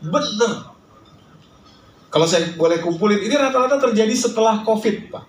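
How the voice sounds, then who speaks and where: A man's voice: sits high, animated, normal speed, slight background noise. A male Islamic preacher giving a sermon at a study gathering in a restaurant lounge, reciting Arabic verses and explaining them to his listeners. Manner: addresses the audience directly, recites Arabic verses then explains. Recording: roomy echo from a distant mic, faint ambience.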